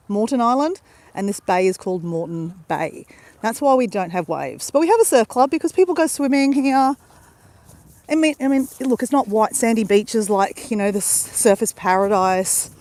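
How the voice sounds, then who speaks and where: Holding her phone camera on a beach at sunrise, a bubbly Australian-accented woman rambles on to her live-stream audience. Her voice sits on the high side with a darkish tone, and there's no room sound.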